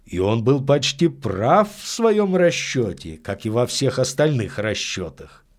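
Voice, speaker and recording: A man voicing a calm, insightful priest who explains things in a matter-of-fact way in an audiobook. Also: mid-range voice, a little slow. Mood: earnest.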